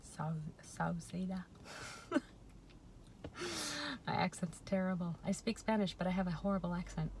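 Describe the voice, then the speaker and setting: Slight background noise accompanies this medium-pitched vlogger, a woman in her forties. Her talk is chatty and reflective, peppered with "um" pauses and self-corrections.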